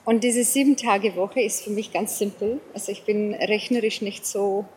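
A woman's voice: mid-range voice, steady tone, moderate pace, darkish tone, low-quality recording. Interview guest, mature woman, English accent in German with Bavarian colouring, hesitant phrasing, some noise behind. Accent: English-accented German with Bavarian touches. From South Africa. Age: middle-aged or older. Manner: hesitant, searching for words, repeats phrases. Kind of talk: casual conversational interview.

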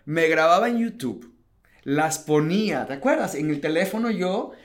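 Guy telling his startup story in a chat, kinda high voice, super animated, acts out quotes. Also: normal speed. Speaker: guest entrepreneur. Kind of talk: casual interview storytelling.

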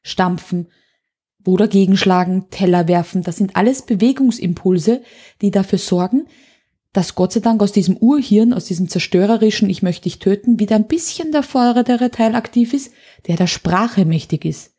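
A woman who works as an anger coach appears as a podcast guest in a conversational interview, explaining things emphatically with vivid examples. Her medium-pitched voice is warm with a breathy edge, at a moderate pace.

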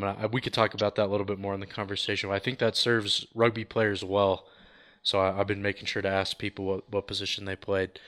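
A man's voice: fairly low pitch, fairly bright tone. A male podcast host running a casual, friendly interview. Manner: friendly, asks questions.

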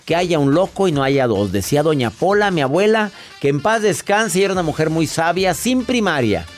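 A man's voice: fairly high pitch, expressive, a little fast, faint music behind. A man hosting a radio call-in show, chatting playfully and acting out little dialogues. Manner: playful, laughing, acts out dialogues. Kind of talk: radio call-in chat and advice. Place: radio studio booth.

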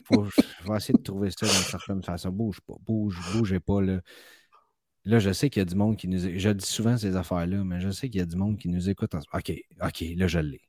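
A man's voice: sits low, steady tone, a little fast, a little mellow, dry recording, clean studio sound. A man with a Québécois French accent co-hosting a podcast, joking and rambling in casual chat. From Quebec. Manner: joking, rambling, playful teasing. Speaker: podcast co-host.

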